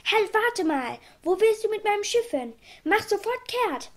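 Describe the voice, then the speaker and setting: A woman voicing a brutish, furious male pirate robber who shouts demands. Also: very high-pitched, big pitch swings, a little slow, pitched above the performer's own voice, full character voice. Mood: angry.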